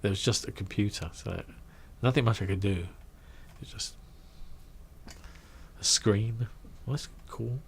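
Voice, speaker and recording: Man telling a lively anecdote. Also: lowish voice, normal speed, gravelly, hardly any pauses, husky. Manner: animated, acts out quoted voices, trails off into asides. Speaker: guest recounting his career. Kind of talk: casual anecdotal storytelling.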